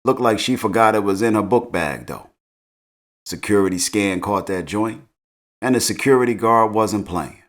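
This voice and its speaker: A man's voice: on the low side, lively intonation, moderate pace. Laid-back slangy male show recapper. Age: middle-aged. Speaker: TV recap host.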